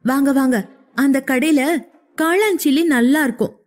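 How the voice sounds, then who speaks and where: A woman's voice: high voice, moderate pace, a little mellow, lightly acted. A woman doing a sulky childlike young woman. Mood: eager. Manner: whiny, pleading.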